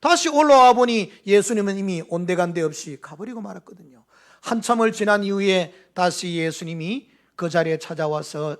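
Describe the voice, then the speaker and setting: A man's voice: sits high, a bit bright. A middle-aged man with a Gyeongsang accent preaching a sermon, acting out dialogue in dialect. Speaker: pastor.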